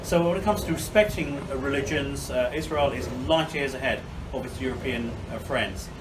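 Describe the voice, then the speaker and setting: A man from Bangladesh giving a measured video monologue outdoors by the sea, pausing often with fillers. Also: medium pitch. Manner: measured, frequent filler pauses. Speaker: commentator. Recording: distant mic with clear background noise.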